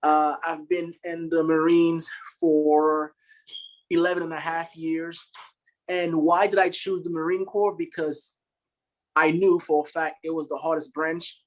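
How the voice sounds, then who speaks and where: A thirty-something podcast guest from Haiti who serves as a Marine staff sergeant talks in a relaxed interview style, upbeat and sincere, laughing easily. His voice sits on the high side with a level tone and a slightly slow pace, and the recording is low quality.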